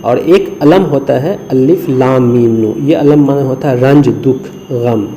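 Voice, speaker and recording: A warm, mid-range male voice explains Urdu script in a screen lesson over a rough recording with slight background noise. The teacher is from India and patiently goes letter by letter, syllable by syllable, mixing English into his explanations.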